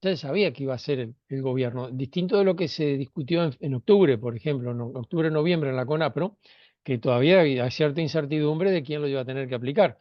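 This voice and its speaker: A man's voice: medium pitch, fast talker, dry recording, highs cut off. A man speaking on a panel discussion, hesitant, with many fillers and restarts.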